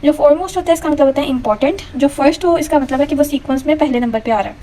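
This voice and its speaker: High-voiced woman teaching grammar. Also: mellow, rough recording. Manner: patient, step-by-step, reads examples slowly. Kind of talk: explaining a lecture.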